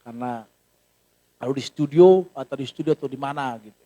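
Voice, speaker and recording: A man preaching as a pastor at a church service, in a lively conversational way with jokes and acted asides. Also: medium pitch, a little fast. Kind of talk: sermon. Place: church hall.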